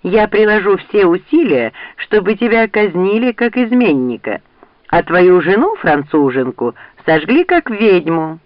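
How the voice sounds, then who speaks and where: A man doing a stout, ruthless duke in a storybook reading, his threats hissed and hateful. The voice rides a bit high, and the recording is dry and dull. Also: big pitch swings, a little slow, no room sound. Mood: menacing. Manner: threatening, hissing.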